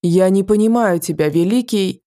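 A woman's voice: mid-range voice, normal speed, dark tone, close to an everyday voice. A woman voicing a proud, grim male fairy king in an audiobook, speaking curtly and darkly. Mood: pleading. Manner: grim, curt, through gritted teeth.

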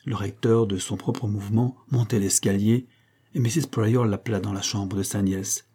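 Husky, dark-voiced male narrator. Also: fairly low pitch, fairly even intonation, normal speed. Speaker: audiobook reader. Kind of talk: literary audiobook narration.

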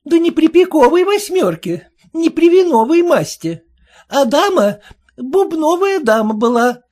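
A woman's voice: high voice, sing-song, unhurried, a little mellow, pitched above the performer's own voice. A woman voicing a fawning, chatty middle-aged peddler woman in an audiobook, with a wheedling sing-song manner. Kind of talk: audiobook reading.

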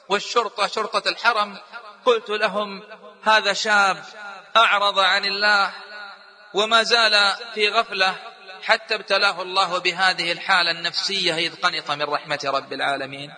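A man preaching a sermon in emotional storytelling style, impassioned and rising toward near-shouting. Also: high voice, long reverb tail.

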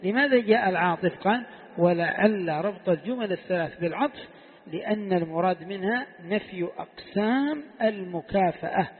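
The recording sounds tinny and phone-like, with the echo of a hall. In it, a sheikh teaching a classical text puts questions to his students and repeats key phrases, speaking fairly quickly in a high, husky, expressive voice.

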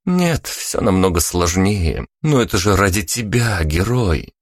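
A man's voice: low voice, lively intonation, unhurried, no echo, clean studio sound, full character voice. A man voicing a brash, teasing young woman who fights and swears freely, in an audiobook. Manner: teasing, crude and bossy. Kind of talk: audiobook character voice.

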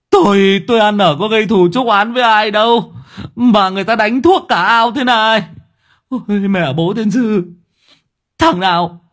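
A man voicing an old male pond owner who wails and laments in a shrill, strained voice. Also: a bit bright.

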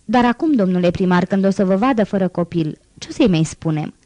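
A woman voicing a shy, devout nun who nurses the sick, speaking higher and timidly. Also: animated, warm tone, no echo, natural voice. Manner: shy and pleading.

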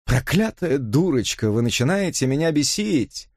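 A man's voice: high voice, big pitch swings, measured pace, a little mellow, no room sound, pitched above the performer's own voice, heavily acted. A haughty, glamorous woman with a languid, drawling voice, as a male audiobook reader puts her on. She lets her scorn rise and fall in a raised register. The reading is close and dry. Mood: scornful.

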